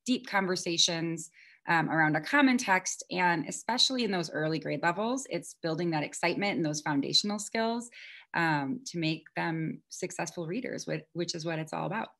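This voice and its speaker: A woman's voice: on the low side, normal speed, a bit bright. A woman guest on a podcast interview, earnest and articulate, explaining her views with occasional ums. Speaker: podcast guest, instructional coach. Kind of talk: conversational interview.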